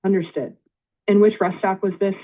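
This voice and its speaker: A woman's voice: mid-range voice, fairly even intonation. Automated phone-line woman's voice, tinny. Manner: polite, measured, reads back details. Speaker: AI phone intake agent. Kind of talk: scripted automated phone prompts.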